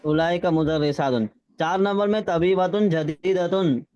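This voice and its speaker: A man teaching Arabic grammar in an online class, patiently checking that students follow and reading phrases out slowly. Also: fairly high pitch, a little mellow. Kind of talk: classroom lesson with drills. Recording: slightly dull lo-fi sound.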